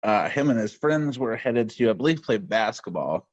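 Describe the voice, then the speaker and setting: A man's voice: medium pitch, animated, normal speed, dry recording. A man from West Virginia co-hosting a casual podcast, telling a family story with dry jokes. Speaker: podcast co-host. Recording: dull dry podcast mic.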